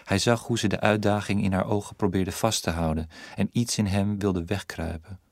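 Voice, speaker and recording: A man reading a literary story aloud as narrator, in a measured, even storytelling manner. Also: on the low side, dry recording, clean studio sound. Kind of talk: audiobook narration.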